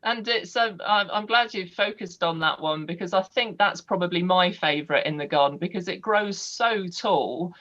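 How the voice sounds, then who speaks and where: A woman's voice: fairly low pitch, moderate pace, hardly any pauses, fairly bright tone, dull audio. A woman hosting a live online show, chatting over a video call and asking questions with plenty of fillers. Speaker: host.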